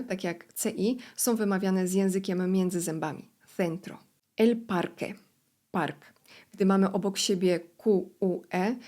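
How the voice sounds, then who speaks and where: A woman teaching a vocabulary lesson, saying each word clearly and then its translation, with short pronunciation tips. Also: mid-range voice, a little mellow. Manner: slow, deliberate word-by-word pronunciation drills. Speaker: Spanish teacher.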